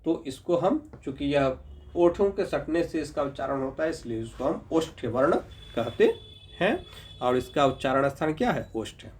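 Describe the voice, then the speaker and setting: Brief: slightly high-voiced man, patient teacher, sounds out each letter slowly. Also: animated, darkish tone, slight background noise. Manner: patient, repeats sounds slowly, checks in with "ठीक है"; addresses viewers as "Babu". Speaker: Hindi grammar teacher. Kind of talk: explanatory lesson.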